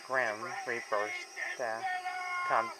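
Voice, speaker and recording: A man's voice: medium pitch, little pitch movement, takes it slowly, very noisy. A man giving a casual, rambling film review vlog, with loosely strung sentences that often trail off mid-thought. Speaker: movie reviewer.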